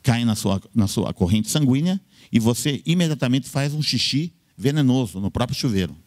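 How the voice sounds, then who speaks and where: A man's voice: medium pitch, lively intonation, normal speed. A man, a doctor, giving a health talk in an emphatic way, listing points in short bursts and repeating key words. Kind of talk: lecture-style health talk.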